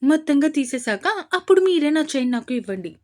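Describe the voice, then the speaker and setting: Lady voicing a squeaky upset young woman, yelling, romance story. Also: big pitch swings, fairly quick. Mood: shrill. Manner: shrill, indignant. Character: excitable young woman, heroine.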